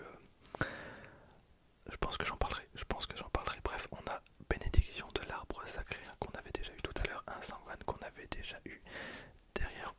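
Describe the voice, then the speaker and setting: Card unboxing commentary comes from a young male ASMR video host in his twenties, delivered in a completely voiceless, breathy whisper. He keeps it hushed, slowly going back over the same phrases. The mic is a handheld stereo recorder used at close range.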